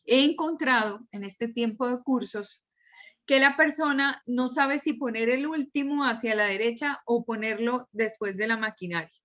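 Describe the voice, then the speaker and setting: A woman's voice: fairly high pitch, normal speed, fairly bright tone, lo-fi sound. A woman teacher giving a patient, step-by-step class lecture and repeating examples to her students. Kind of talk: slow, explanatory class lecture.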